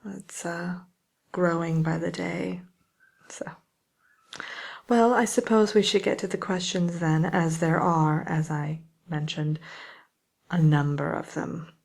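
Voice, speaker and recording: A woman acts out a vain fairy-tale wicked witch hosting her own ASMR chat show. The voice is fairly low for a woman, husky and full of creak. She drawls with smug, condescending grandeur. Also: steady tone, slow pace, pauses often, darkish tone, heavily acted. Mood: haughty. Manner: haughty, drawling, self-satisfied.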